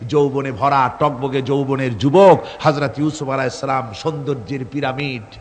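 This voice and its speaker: A man preaching a sermon, shouting at the peaks and chanting verses in a fervent, impassioned way. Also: medium pitch, steady tone, normal speed. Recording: long hall reverb.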